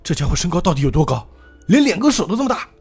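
A man voicing a young man turned into a child, shouting in bewildered alarm. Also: high voice, very animated, rapid-fire, husky, soft background music, pitched above the performer's own voice, full character voice.

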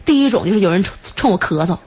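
A woman radio host with a Northeastern Chinese accent, telling a comic story in a chatty, self-mocking way and jumping in pitch to act out the people in it. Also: lively intonation, rapid-fire, darkish tone, slightly rough. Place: radio studio. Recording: slightly dull radio broadcast.

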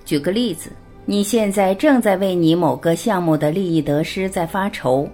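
A woman's voice: on the low side, moderate pace, dark tone, soft background music. A woman reading a written interview aloud, voicing both sides and announcing each speaker's label.

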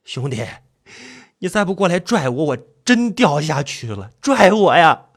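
Man as a gruff, commanding exorcist. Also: sing-song, unhurried, exaggerated voice. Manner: low, commanding and joking. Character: gruff male ghost-hunting exorcist, bold and dry-humored.

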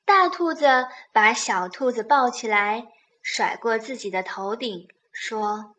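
A woman hosting a children's program, telling a bedtime story in a soft, slow, soothing way. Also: a little high.

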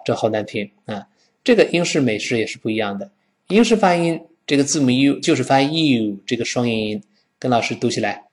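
A man teaching English pronunciation with a Mandarin Chinese accent, modelling sounds in a lively, demonstrative way. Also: mid-range voice. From China. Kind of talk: recorded language lesson.

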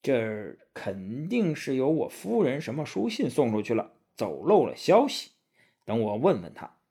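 A man voicing a fierce, hot-tempered male demon king in a storybook tale, shouting threats and muttering schemes. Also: medium pitch, wildly swooping pitch, normal speed, breathy edge, heavily acted. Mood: scheming.

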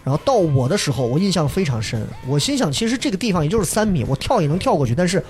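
A man telling a dramatic story in casual chat, acting out shouts and sounds. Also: fairly high pitch, sing-song, rapid-fire, soft background music. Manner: acts out shouts and quoted voices, imitates sounds. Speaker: storyteller guest.

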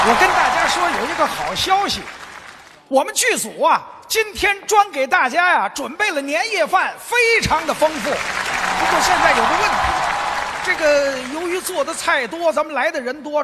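High, lively man on a comedy stage. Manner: bantering, exasperated straight man. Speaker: crosstalk performer and host. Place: large stage before a live audience. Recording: loud live audience noise.

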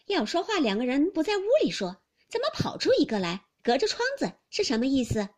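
A woman's voice: high-pitched, sing-song, fairly quick, a little mellow, pitched above the performer's own voice. A woman doing a sly, sarcastic noblewoman. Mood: mocking. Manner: cold mocking insinuation.

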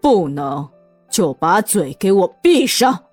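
A man's voice: high voice, big pitch swings, slow, no room sound, soft background music, pitched above the performer's own voice, full character voice. Stern old matriarch, voiced by a man. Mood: cold, stern. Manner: cold, commanding. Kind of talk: audiobook character voice.

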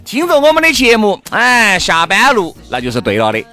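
High, bright-voiced Sichuanese man bantering. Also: wildly swooping pitch, moderate pace, faint music behind. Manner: jokey, teasing. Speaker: radio host. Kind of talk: bantering talk show chat.

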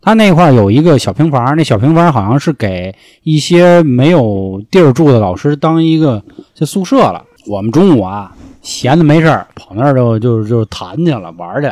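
A young man tells a rowdy story from his school days in a casual chat, cursing freely as he goes. His voice leaps up and down in pitch as he acts out the shouting in the story. The recording is dry and close, with no room sound. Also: lively intonation, normal speed, dry recording. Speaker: storyteller guest.

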